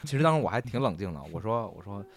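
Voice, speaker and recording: Animated young man telling a story. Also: on the low side, rapid-fire. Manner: animated storyteller, swears, laughs through punchlines. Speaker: podcast co-host telling a story. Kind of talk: casual chat.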